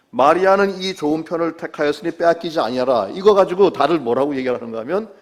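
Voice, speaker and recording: A middle-aged man delivers a sermon in a teacherly way, putting questions to his listeners and answering them himself. His voice sits somewhat high and moves with wide, animated swings, dipping low for scripture quotes and rising to press a point. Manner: drops low and slow to quote scripture, rises when stressing a point. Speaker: pastor.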